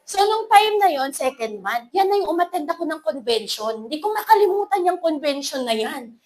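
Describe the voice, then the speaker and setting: Filipino woman, 30s, high bright voice, animated motivational speaker, playful. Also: a little fast, rough recording. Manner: lively, animated, playful, mixing English into Filipino. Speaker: motivational speaker at a business event. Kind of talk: motivational talk to an audience.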